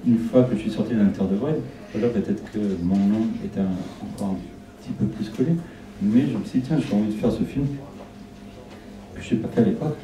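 Speaking into a handheld mic at a public Q&A in a small shop's indoor event room, a middle-aged Argentine film director, Spanish being his first language, often repeats words while thinking. His voice is fairly low and dark, and he talks fairly quickly. A distant camera captures it with a roomy sound, and there is an audience.

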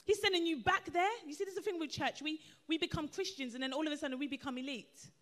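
A woman, preaching a lively sermon in church with laughing asides. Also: high voice, fast talker. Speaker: pastor.

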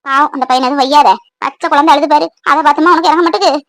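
A woman's voice: high-pitched, very fast, dry recording. A woman voicing a grumbling old village woman in a cartoon, lamenting and scolding young wives about the old days. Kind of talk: cartoon voice acting.

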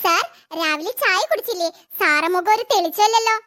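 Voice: moderate pace, bright, forceful tone. A performer voicing a jealous, scheming young office woman in a cartoon, sugary to her boss and plotting under her breath. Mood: pleading. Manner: sweet to the boss, low muttered asides.

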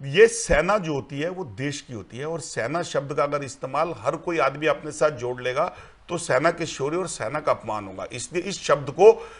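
A man on a TV debate panel, asking to be heard and making his point in a measured way. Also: fairly high pitch, expressive.

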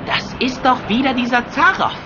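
Earnest, lively young boy. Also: high voice, normal speed, highs cut off. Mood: wondering. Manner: polite, innocent, wondering. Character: naive polite boy apprentice, eager and earnest. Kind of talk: video game voice acting. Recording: clear background ambience noise.

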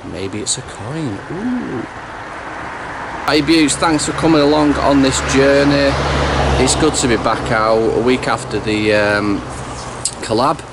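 A man's voice: medium pitch, measured pace. A man in his forties, chatty and cheery, talking to viewers as he fishes with a magnet outdoors by a river. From England. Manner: chatty, cheery, talks to viewers as "you beauts". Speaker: magnet fishing vlogger. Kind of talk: casual chat to camera. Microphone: action camera on the body. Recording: outdoor wind and river noise.

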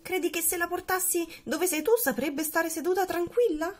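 A woman's voice: very high-pitched, fairly even intonation, moderate pace, pitched above the performer's own voice. A woman voicing a fussy, loving mother with a raised, exasperated tone in a storybook reading.

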